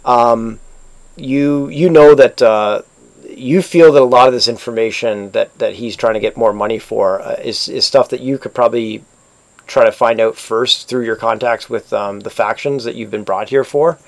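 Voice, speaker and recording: Gravelly Canadian game master. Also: male voice, medium pitch. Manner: halting, lots of fillers and restarts. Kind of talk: narrating a tabletop game.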